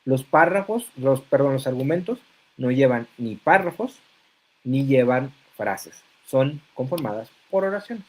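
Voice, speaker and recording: A man teaching an online class, explaining step by step, often checking that students follow and pausing on hesitant fillers. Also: medium pitch, a little mellow, rough recording. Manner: hesitant fillers between phrases.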